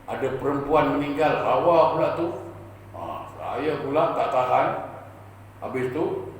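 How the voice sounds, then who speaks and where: A man voicing a remorseful young gravedigger who confesses in a halting, pleading way. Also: mid-range voice, animated, slight background noise. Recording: echoey hall, distant mic.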